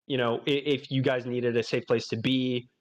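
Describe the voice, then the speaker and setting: A man's voice: mid-range voice, little pitch movement, normal speed. A man narrating as game master of a tabletop role-playing game, rambling with many fillers and restarts.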